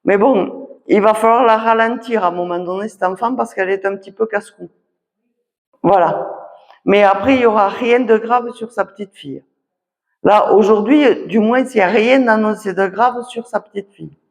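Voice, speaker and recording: A woman magnetiser gives spoken readings at a public talk in an association conference hall, her mid-range voice unhurried and halting. She checks in often, punctuating phrases with "voilà" and "d'accord," and the hall is reverberant.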